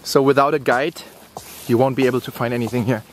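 A young man hosting a casual travel vlog from caves and forest trails, excitable and quick to swear and laugh, filmed on a handheld camera at arm's length. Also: mid-range voice. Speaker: travel vlogger.

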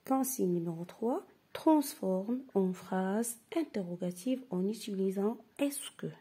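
A woman teacher going through a grammar exercise step by step, reading example sentences slowly and repeating them, then dropping to a breathy half-whisper to explain. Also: mid-range voice, lively intonation, warm tone. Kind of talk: slow step-by-step grammar lesson.

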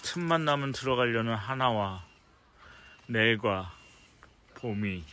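Bright-voiced man narrating outdoors. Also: medium pitch, slow. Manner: calm narration, mock-scolding his dogs. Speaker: dog trainer. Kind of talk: vlog narration and talking to dogs.

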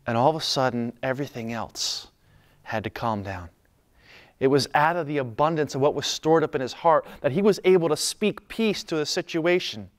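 A man preaching a sermon in an earnest, conversational way, dropping to soft, calm lines. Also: on the high side, clear, resonant tone. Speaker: pastor.

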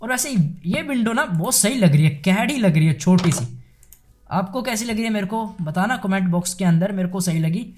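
Excitable young man narrating his gameplay. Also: high voice, fairly quick. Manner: chatty, excitable, addresses viewers as guys and bhai sahab. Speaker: gaming YouTuber. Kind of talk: casual Minecraft let's play commentary.

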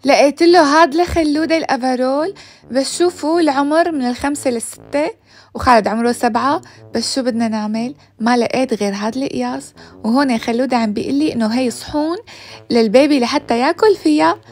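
A woman's voice: sits high, fast. A woman, chatting playfully in a family vlog and cooing baby talk at her son. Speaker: mother and family vlogger. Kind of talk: casual family vlog chat.

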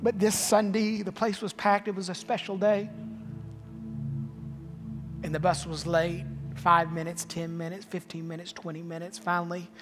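A man's voice: high-pitched, flat delivery, normal speed. Male pastor, storytelling sermon, fervent refrains, reverberant sanctuary, music bed. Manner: storytelling preacher, building to fervent repeated refrains. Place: empty church sanctuary. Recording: long hall reverb with music behind.

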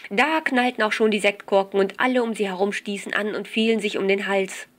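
A woman narrating a short crime story, reading it aloud in a steady storytelling manner. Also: medium pitch, fairly quick.

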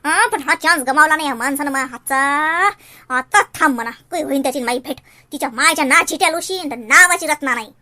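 Brief: actress as a vengeful village woman in a comedy sketch, shrill scolding rant at a fast clip. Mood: bitter rant. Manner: ranting, loud and scolding.

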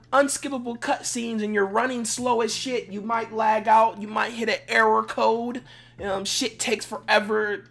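His voice is high and fairly bright, with vocal fry. Over background music, this young American gaming video maker vents about clips in a casual, profane, slangy style.

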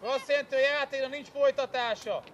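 A man coaching a youth football team, shouting urgent instructions and corrections from the sideline of an outdoor pitch. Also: steady tone. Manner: loud, instructive, urgent commands. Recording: noisy outdoor pitch recording.

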